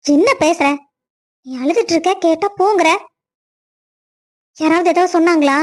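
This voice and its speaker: A woman with a high, clear voice plays the women of a family cartoon story. She moves from a wife on the phone to a mother and a neighbour without much change in her voice. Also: normal speed.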